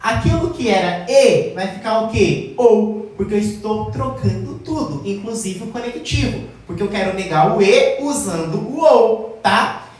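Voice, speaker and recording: A woman teacher explaining logic at a whiteboard, often checking in with the class and slowing down to stress key terms. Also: medium pitch, expressive, darkish tone. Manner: addresses class as "gente", checks with "tá?"; slows down to stress key words. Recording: very echoey room, mic far off.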